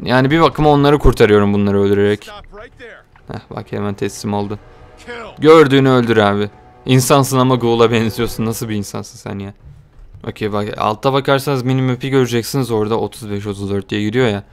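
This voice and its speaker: A young man giving casual, joking gameplay commentary, talking to viewers and getting excited during the action. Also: fairly low pitch, quick pace, faint music behind. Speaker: gaming video host.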